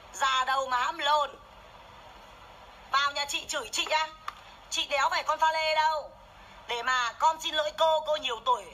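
A woman's voice: high voice, bright, forceful tone, slight background noise, low-quality recording. A woman, ranting furiously and swearing nonstop during a makeup livestream on her phone. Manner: foul-mouthed, furious, scolding. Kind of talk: angry livestream rant. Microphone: phone camera during makeup livestream.

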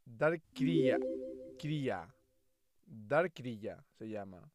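A young man with an accent from Spain, chatting excitedly on a livestream, swearing freely and tossing playful insults at friends. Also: mid-range voice, very slow, slight background noise. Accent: Spain Spanish. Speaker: streamer. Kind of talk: casual livestream chat reacting to fan art.

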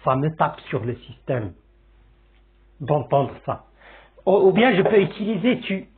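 A man's voice: fairly high pitch, sing-song. Moroccan guy giving a french lesson, repeats stuff, keeps asking c'est bon, sounds like a phone line. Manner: slow, repetitive classroom explaining with checks like "c'est bon?". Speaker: French teacher. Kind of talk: language lesson.

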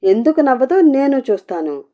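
A woman's voice: sits high, sing-song, moderate pace, warm tone, voice pushed up. A woman voicing a cheeky, meddling young woman who talks in a brash, teasing way.

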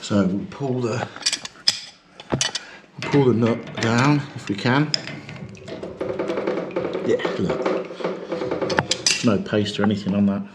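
A man's voice: lowish voice, takes it slowly, long pauses, over loud music. A man, a plumber chatting and explaining as he works, a little self-mocking. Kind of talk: work vlog narration. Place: living room in a house, indoors.

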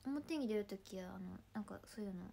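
A woman in her twenties from Ibaraki, Japan, hosting a casual livestream chat in a chatty, playful way, often dropping into soft murmured asides. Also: medium pitch, animated, brisk, gravelly, slight background noise. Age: 20s. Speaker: idol livestream host.

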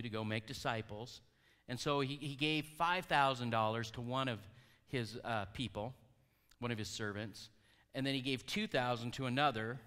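Man preaching with a bright, echoing voice. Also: medium pitch. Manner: conversational, asks the congregation questions. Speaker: pastor. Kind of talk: sermon. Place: church hall.

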